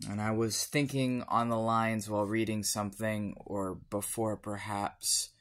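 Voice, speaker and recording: A tipsy man giving a solemn personal monologue in deliberate, formal phrasing. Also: on the low side, little pitch movement, fairly bright tone. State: tipsy from alcohol.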